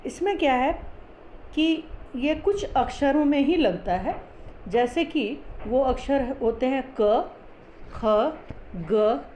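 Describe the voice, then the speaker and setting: A woman teaching a Hindi class, explaining pronunciation slowly and patiently, spelling out sounds syllable by syllable. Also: high-pitched, expressive, dark tone, slight background noise.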